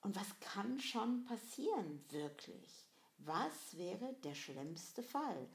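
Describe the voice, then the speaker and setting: A woman's voice: medium pitch, sing-song, slow pace, gravelly. A woman giving a reflective motivational monologue, asking the listener direct questions in a conversational way with frequent fillers. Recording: roomy echo.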